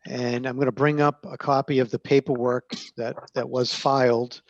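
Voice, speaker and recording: A man on a video call, presenting application documents to a zoning board page by page in a measured, hesitant way with frequent fillers. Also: medium pitch, little pitch movement, no echo. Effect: heard over a video call. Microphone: computer microphone on a video call. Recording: dull, narrow-band call audio.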